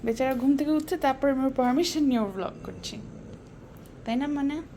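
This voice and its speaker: A woman's voice: high voice, normal speed, mellow, a little hiss or hum. A young woman from Bangladesh talking through a casual home vlog, mixing English phrases into her Bengali. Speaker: vlogger. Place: home kitchen and rooms, indoors. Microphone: handheld camera.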